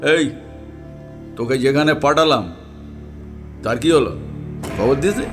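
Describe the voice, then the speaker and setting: A man voices a short-tempered landlord in a radio play, barking orders and scolding. His bright, lively voice swings up and down with every rebuke. Soft music sits behind him. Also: medium pitch, measured pace. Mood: impatient. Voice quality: impatient, scolding, commanding. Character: irritable, bossy male landlord master.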